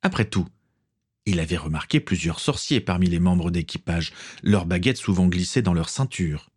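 A man narrating a storybook reading in an expressive storytelling manner. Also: sits low, moderate pace, breathy edge.

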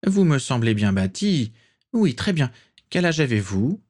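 A man puts on an old aristocratic witch who speaks from well above his own voice, imperious and condescending. Her lines swoop and rise with lively disdain in this audiobook reading. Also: mid-range voice, unhurried, voice pushed up. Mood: haughty.

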